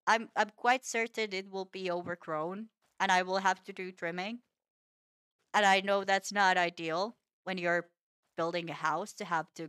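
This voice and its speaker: A woman streamer giving casual gameplay commentary, musing aloud in a soft, self-mocking way and often tripping over and repeating her words. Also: fairly low pitch, clear, resonant tone, no room sound, clean studio sound.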